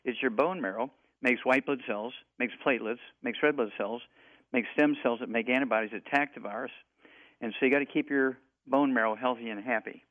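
Speaking through a tinny phone line, an eighty-year-old guest health expert on call-in radio rambles haltingly with plenty of fillers. His voice is mid-range and the recording is dry.

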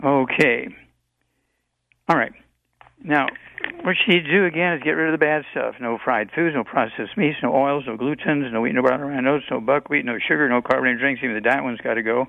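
Gravelly voice, phone-line quality, older man in his eighties, call-in radio advice, rambling with fillers. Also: medium pitch, no echo. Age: 80s. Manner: rambling, halting with many fillers. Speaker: health radio show guest expert.

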